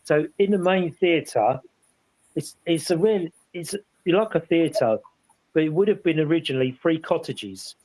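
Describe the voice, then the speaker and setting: A man's voice: on the high side, lively intonation, unhurried, a little mellow, no room sound, low-quality recording. A man on a paranormal panel, rambling through an investigation story in casual chat with many restarts and asides.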